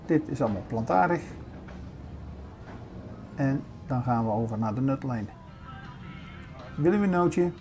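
A man's voice: mid-range voice, expressive, measured pace, long pauses, over music. An older man giving a chatty narration of a walk through a large supermarket, pointing things out as he goes. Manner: chatty, showing things around as he walks. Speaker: vlogger. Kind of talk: casual shopping vlog narration.

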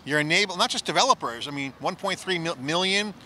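Fast, bright-voiced middle-aged male host. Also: high voice, slight background noise. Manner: rapid, enthusiastic, riffing. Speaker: tech show host. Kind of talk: on-site analysis chat. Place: outdoor plaza at a conference. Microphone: handheld.

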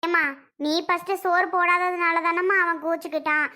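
A performer with a very high, bright voice plays a fretting middle-aged mother-in-law in a family comedy skit, pleading and scolding by turns. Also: flat delivery, brisk, heavily acted.

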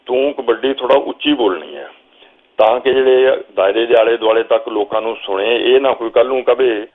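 An older Punjabi man, a guest telling a long story from memory at an unhurried pace, now and then quoting what he told the players. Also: medium pitch. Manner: slow reminiscing storyteller, quotes himself calling instructions. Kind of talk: storytelling interview. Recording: phone-like narrow sound.

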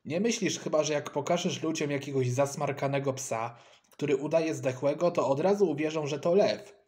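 A man's voice: fairly high pitch, moderate pace, a little mellow, natural voice. A man voicing a cocky, quarrelsome schoolboy in a storybook reading. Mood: scornful.

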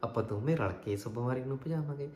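A man's voice: medium pitch, quick pace, lightly acted. A man voicing a tender elderly mother. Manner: soothing, reassuring, gently coaxing. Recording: roomy echo.

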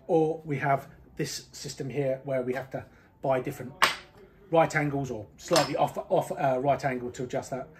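A middle-aged British man with a slightly raised voice walks through workshop repairs in a practical, easygoing way, pausing with fillers as he works. He is recorded on a nearby camera mic in a small indoor workshop. A faint hiss of noise sits under his voice. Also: a little high. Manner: practical, explanatory, relaxed with fillers. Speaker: ski technician. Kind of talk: hands-on workshop demonstration.

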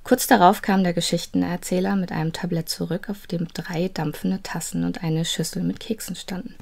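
A woman narrating a children's advent story in a calm, measured reading voice. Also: fairly low pitch, creaky.

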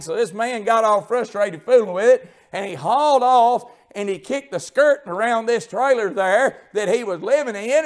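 High-voiced preacher, crying out. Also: male voice. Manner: rises into shouted, tearful crescendos, then drops to a low confiding tone; homespun storytelling with many fillers. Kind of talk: sermon. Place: church sanctuary.

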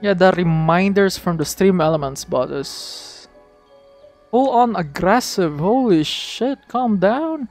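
A man streaming a game, chatting casually and excitably, swearing freely as he talks to his viewers. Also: high voice, slow pace, soft background music. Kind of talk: casual live-stream chat.

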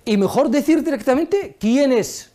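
A woman with a raised, lively voice teaches a one-on-one lesson. She drills words slowly and patiently and keeps checking in with her student. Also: sits high. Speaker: Arabic teacher.

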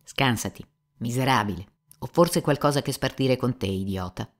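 A woman reading an audiobook voices a proud, irritable young gentleman who speaks in curt, sharp outbursts. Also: very deep voice, moderate pace. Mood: irritated.

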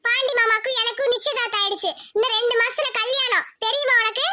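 A woman's voice: very high voice, steady tone, fast talker, pushed and bright, heavily acted. A woman voicing an arrogant rich village girl in a cartoon, taunting and threatening her rival. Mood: scornful. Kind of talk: cartoon voice acting.

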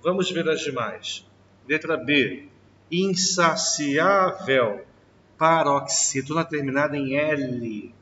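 A man's voice: a little high, pushed and bright, a little hiss or hum. A man, a teacher walking through an exam question and stretching out the key words. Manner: slow, drawn-out stress on key words. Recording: distant, dull mic in reverberant room.

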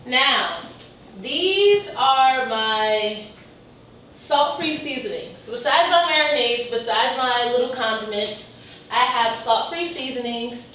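A young woman, a fitness vlogger, chats casually and upbeat in her home kitchen while showing her food items, full of fillers like "you know" and "like". Her voice is a little high and a bit bright, at a slow pace. A camera mic a few meters away picks her up, so she sounds a bit distant in the echoey kitchen, with a little hiss or hum.

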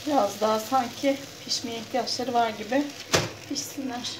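A woman's voice: a little high, normal speed, heavy background noise. A woman in her thirties chatting casually and homely to her viewers in a home vlog, full of fillers. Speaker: vlogger. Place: at home, kitchen then living room.

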